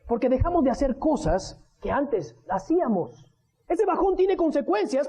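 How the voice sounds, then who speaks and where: A man preaching a sermon, telling the story in an animated way and acting out scenes. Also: very high-pitched. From Venezuela. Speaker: pastor. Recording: dull radio broadcast recording.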